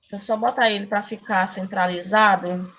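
Bright-voiced woman teaching an online class. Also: mid-range voice, a little fast. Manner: talks about herself as "a tia", teacherly and chatty; speeds up when excited about grammar. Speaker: Spanish teacher.

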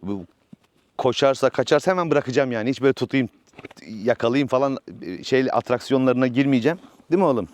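A man's voice: medium pitch, fast talker, darkish tone. A man vlogging outdoors from his village farm, chatting casually about his new horse and coaxing it along. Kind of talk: casual vlog narration.

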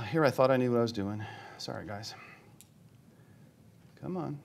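A man speaks from a conference stage, his voice at an everyday middle pitch. He jokes with the crowd and pokes fun at himself as he types commands. He narrates each step of his live demo out loud. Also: lively intonation, measured pace, vocal fry. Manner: joking, self-deprecating, thinks aloud while demoing. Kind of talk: live tech talk demo. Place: conference hall with live audience.

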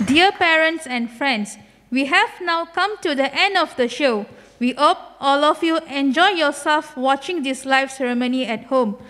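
A woman's voice: sits high, a little slow, a bit bright. A woman emceeing a preschool graduation, announcing names on a handheld mic in a school hall. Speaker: ceremony emcee.

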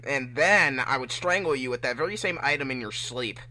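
Teasing young cartoon hedgehog hero, voiced by a man, amateur fan fiction read, forceful bright mid-pitched voice. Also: lively intonation, fairly quick, a little hiss or hum, poor audio. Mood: smug. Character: cocky, teasing, laid-back male blue hedgehog hero.

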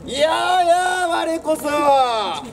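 A man playing a boastful samurai warrior, calling out challenges in a drawn-out, booming battlefield declamation outdoors. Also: animated, vocal fry, exaggerated voice. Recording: outdoor recording with crowd noise.

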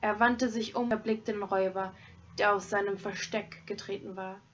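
A woman teacher reading a story aloud in a clear, deliberate way, in a dull lo-fi recording. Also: mid-range voice, steady tone, fairly bright tone, slight background noise.

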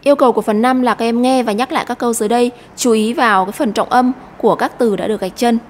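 A woman's voice: a little high, fairly even intonation, racing, a little hiss or hum. Vietnamese woman teaching in a reverberant room. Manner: patient, explains step by step to children. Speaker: English teacher. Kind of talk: online English lesson.

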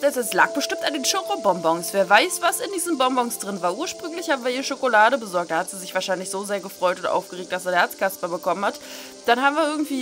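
A woman's voice: on the high side, fairly bright tone. A woman doing casual let's-play commentary, chatty, irreverent and joking.

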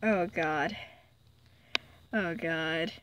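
A woman's voice: low voice, extremely slow, fairly bright tone, dry recording, rough recording. A woman playing a horror game and commenting casually, jumping in fright often and reading the game's text aloud. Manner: jumpy, often exclaims in fright. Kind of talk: casual let's-play commentary.

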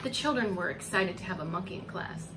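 A woman in her forties, a preschool teacher, reads a children's story aloud with great expression, stretching out words and coaxing her young listeners with questions and asides. Her voice is fairly low with lively intonation and a slightly fast pace. It's a clearly noisy home recording.

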